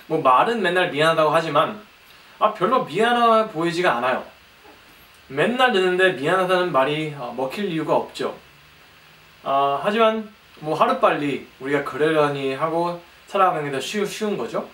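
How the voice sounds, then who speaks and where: A young man preaches from prepared notes in halting, hesitant speech with frequent pauses. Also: on the high side, a bit bright. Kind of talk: sermon, reading from prepared notes. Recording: echoey room, distant mic, faint noise.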